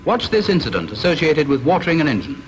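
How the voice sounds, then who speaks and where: This formal training-film narration is read from a script by a British man in a measured, instructive, stern way. His voice is fairly high with big swings in pitch. It plays on a faintly hissing vintage soundtrack, and the recording is rough.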